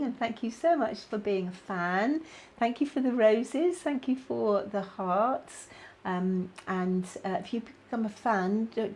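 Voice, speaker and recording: A middle-aged woman with a British accent hosting a casual live-stream chat, talking warmly to viewers with plenty of fillers. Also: mid-range voice. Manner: chatty, many fillers, reads out viewer comments. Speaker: spiritual guidance host.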